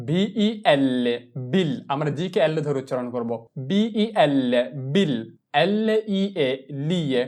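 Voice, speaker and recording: Teacher w/ bangladeshi bengali accent, spells out words letter by letter, repeats them slow. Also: mid-range voice, a little mellow. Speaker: Italian teacher for Bengali speakers. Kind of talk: pronunciation lesson.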